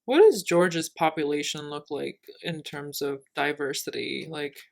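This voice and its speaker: A woman's voice: sits low, normal speed, creaky, darkish tone. A young woman in her twenties, co-hosting a podcast in casual chat, rambling with many fillers and laughing, a little tipsy. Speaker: podcast co-host.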